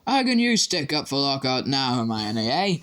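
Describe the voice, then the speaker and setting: A man's voice: mid-range voice, big pitch swings, moderate pace, fairly bright tone, clean tone. A man voicing a cheeky, joking teenage boy.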